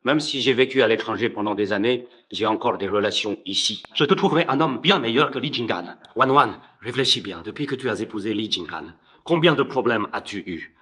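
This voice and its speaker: Actor for businessman father, calm, coaxing, fatherly, lowish voice. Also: brisk, few pauses. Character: wealthy businessman father, protective and persuasive. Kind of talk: dubbed drama acting.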